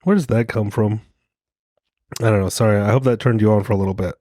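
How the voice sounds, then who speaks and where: Speaking fast with fairly even intonation, a podcast co-host rambles through a casual monologue, joking and self-mocking. His low-side, slightly mellow voice is soothing, if a bit congested from a cold. The recording is dry and studio quality.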